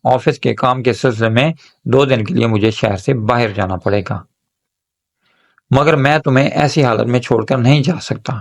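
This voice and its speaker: A man's voice: mid-range voice, vocal fry. A man voicing a worried young husband who does not want to leave his wife in a spoken story. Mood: earnest.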